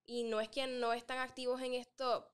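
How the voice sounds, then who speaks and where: Joven trovadora puertorriqueña, voz nítida. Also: female voice, fairly high pitch, level tone, moderate pace, clean tone. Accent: Puerto Rican Spanish. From Puerto Rico. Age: young adult. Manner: explains patiently, gives examples. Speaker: guest, trovadora. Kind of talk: casual interview.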